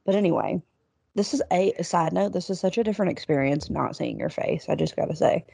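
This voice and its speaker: A woman's voice: on the low side, a little fast, gravelly, dark tone, slightly rough, no room sound. A young woman co-hosting a podcast, telling a story in a chatty, self-deprecating way with lots of "like". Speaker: podcast co-host. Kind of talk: casual chat, storytelling.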